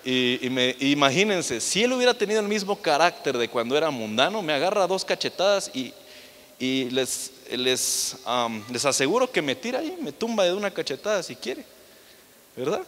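A young man preaching to his congregation in a lively way, tossing out rhetorical questions and acting out the people in his stories. His voice sits a bit high for a man. It rings out with the long reverb of a church hall. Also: normal speed. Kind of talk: sermon.

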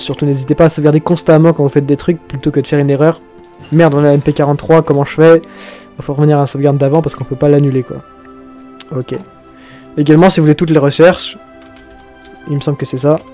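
A man's voice: a little high, mellow. A young man hosting a casual game tutorial, chatty, swearing now and then and breaking into mock-dramatic outbursts. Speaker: video game tutorial host.

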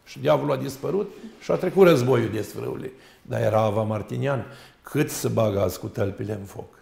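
A man's voice: mid-range voice, vocal fry, darkish tone. A man, a monk and guest on a talk show, telling saints' stories and preaching emphatically in long lists. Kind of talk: storytelling talk-show sermon. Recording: roomy echo.

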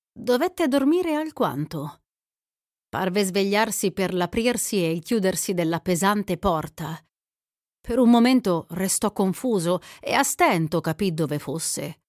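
A woman narrating a literary story in a calm, measured, expressive reading, recorded in a studio. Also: medium pitch, dry recording. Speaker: audiobook narrator.

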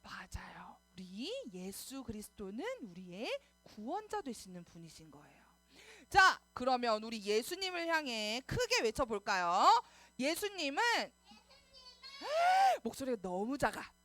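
A woman teaching preschoolers at a Sunday service, coaxing them in an animated, sing-song way to repeat after her. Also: a little high, normal speed, soft background music. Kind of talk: children's sermon.

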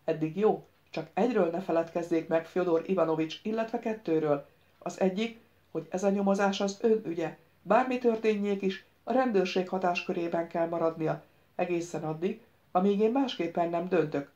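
A woman reading an audiobook, voicing a stout, mustached male official who speaks in a calm, lecturing, firm way. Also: on the low side, muffled recording, close to an everyday voice. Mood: warning.

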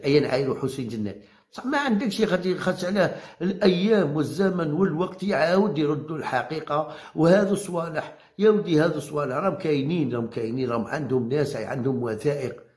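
Fast-talking Algerian man ranting in an echoey room. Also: a little high, a little mellow. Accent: Algerian Arabic. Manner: combative, repeats phrases, challenges listeners. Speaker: football commentator vlogger. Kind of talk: heated monologue to viewers.

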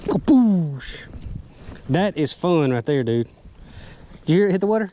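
A young man, narrating a fishing outing in a folksy, excited way, recorded outdoors on an action camera. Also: a little high, a little slow. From Southern US. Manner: excited, folksy, talks to viewers. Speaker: fishing vlogger. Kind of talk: casual fishing commentary. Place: outdoors on a boat and bank, wind and water. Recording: outdoor camera audio with noise.

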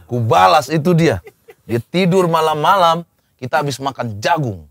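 A man casually telling a funny story, animated and acting out the voices of people in it. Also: on the high side, normal speed, no echo, clean studio sound. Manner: animated, acts out quoted voices. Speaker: storyteller guest.

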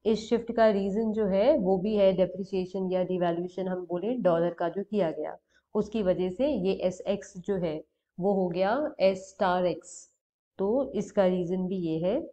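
A woman's voice: on the low side, steady tone, warm tone. A young woman teaching economics in Hindi-English mix, explaining step by step over a diagram. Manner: explanatory, mixes English terms into Hindi, pauses to check. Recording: dull lo-fi recording.

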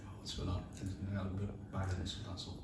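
Fast-talking young man in an echoey room. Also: low-pitched, monotone, a little mellow. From London, England. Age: young adult. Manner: thoughtful, describes flavours in detail. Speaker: taste tester. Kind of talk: casual chat. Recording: echoey room, far mic, background noise.

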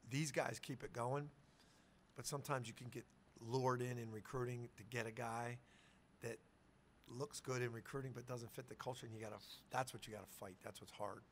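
A man's voice: mid-range voice, fairly even intonation, normal speed, slight background noise. A middle-aged man, a head coach, answering questions at a post-game press conference, talking casually from a table mic and often restarting his sentences. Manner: conversational, repeats words when starting sentences. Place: press conference room with sponsor backdrop.

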